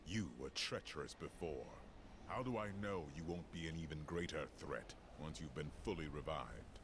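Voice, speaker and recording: A man's voice: very deep voice, lively intonation, normal speed, background noise. A man playing a solemn, wary fallen angel warrior in a dramatic video game. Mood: wary, stern.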